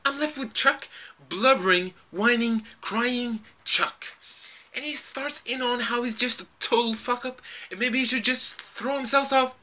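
A man's voice: very high-pitched, sharp tone, exaggerated voice. A young man from Norway with a Norwegian accent performs a stage monologue as a panicky young man, stammering and repeating words as he confesses in a rush. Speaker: acting student. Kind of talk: theatre monologue audition.

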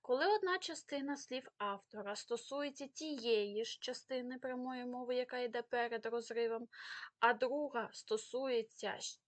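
A woman with a high, light voice and a Ukrainian accent teaches an exam prep lesson. She explains rules step by step, with filler pauses. She reads out example words one at a time with clear stress. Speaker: Ukrainian language tutor.

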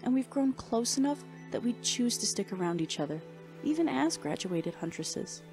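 A woman voicing a warm, earnest teenage girl huntress, speaking softly and heartfelt in a fan fiction reading. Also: on the high side, expressive, moderate pace, over music, voice pushed up. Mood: tender. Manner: soft, pleading, heartfelt.

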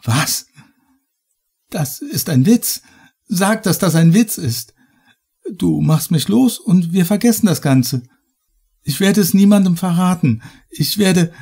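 A terrified young woman begs and pleads in a frantic, raised voice, as a man reading a horror audiobook puts her on. The tone is husky and strained. It sounds like a dark horror reading. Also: mid-range voice, unhurried, pitched above the performer's own voice.

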